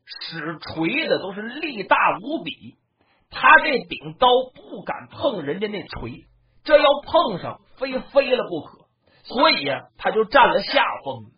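A traditional storyteller narrating a battle tale dramatically, with shouted lines and mouth sound effects. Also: mid-range voice, very animated, measured pace. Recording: dull lo-fi recording.

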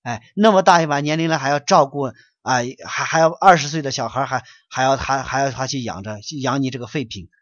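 A man lectures in a preachy, scolding way, firing off rhetorical questions and often letting his phrases fade away quietly. His voice sits in a middle range. The recording is dull and lo-fi, with a dry, close sound. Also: mid-range voice, fairly quick, few pauses, dry recording. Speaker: online lecture teacher answering questions. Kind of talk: lecturing and answering listener questions.

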